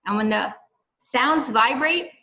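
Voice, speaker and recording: Leading a children's science lesson at a library program, an older woman explains each step gently in a bright, fairly high voice and checks in with "okay" and "right." She also reads from a storybook, taking it slowly, and the audio is poor.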